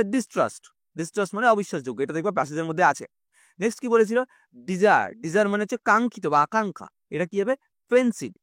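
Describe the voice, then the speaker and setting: Bengali-accented guy teaching english, high lively voice, dry close mic. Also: dry recording. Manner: explaining patiently, keeps asking "understood?". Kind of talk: exam-prep English lesson.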